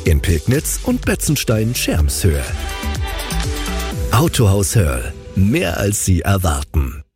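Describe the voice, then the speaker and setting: A man's voice: sits low, huge pitch swings, takes it slowly. A man reading a radio commercial in a courteous sales tone. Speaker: advertising voice-over. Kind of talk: radio ad read. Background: ad music.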